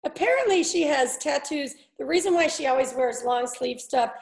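High gravelly woman cracking jokes, pretty echoey room. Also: lively intonation. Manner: chimes in with quips and quick laughs. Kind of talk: casual chat.

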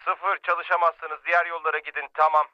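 An actor playing a steady male army radio operator, speaking over a two-way radio in clipped call procedure. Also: on the high side, a little fast, no echo. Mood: businesslike. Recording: dull lo-fi radio sound, dry.

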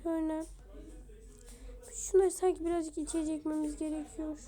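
Woman gaming creator, high and mellow, chatty gameplay commentary, mutters while building. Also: level tone, measured pace. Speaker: game video creator.

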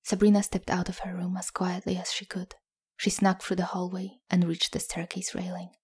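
A woman narrating an audio story in a soft, scripted delivery that often drops near a whisper. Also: fairly low pitch, little pitch movement, moderate pace, husky.

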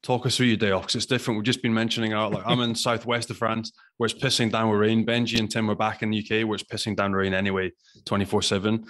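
A man's voice: fairly low pitch, level tone, fast talker, hardly any pauses, fairly bright tone. A man from Scotland hosting a podcast, asking questions with blunt, jokey banter over a video call. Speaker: podcast host. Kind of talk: casual podcast chat.

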